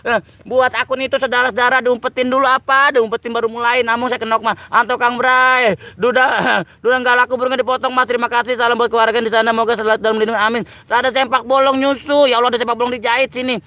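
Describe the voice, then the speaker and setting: A man's voice: very high-pitched, little pitch movement, quick pace, pushed and bright, dry recording. A man hosting a casual livestream outdoors by rice fields, reading viewer comments aloud and breaking into giggles. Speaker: livestream host. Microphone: phone on a tripod.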